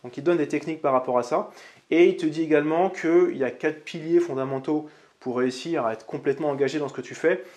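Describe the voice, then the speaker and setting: A man's voice: on the high side, fast, a little mellow. A man hosting a casual vlog, recommending books in a chatty, upbeat way and talking straight to the viewer. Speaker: channel host reviewing books. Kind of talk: casual vlog talk to camera.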